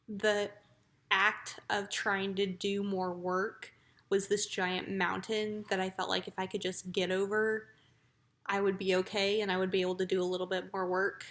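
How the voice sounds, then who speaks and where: Casting: woman, casual vlogger, mid-pitched and level in intonation, reflective and plain-spoken. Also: a bit bright. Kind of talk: casual personal vlog.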